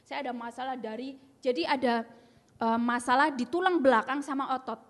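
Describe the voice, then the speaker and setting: High-voiced young woman preaching in a hall. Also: a little fast. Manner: earnest, emphatic storytelling, acting out dialogue. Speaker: speaker sharing a testimony. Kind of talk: testimony sermon. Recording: long reverb in a large hall.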